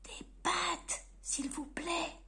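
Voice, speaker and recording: A woman voicing a timid, tiny, quiet man in an unvoiced whisper, as a whispered role-play. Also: very high voice, fairly even intonation, extremely slow, gravelly, voice pushed up, full character voice. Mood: timid pleading.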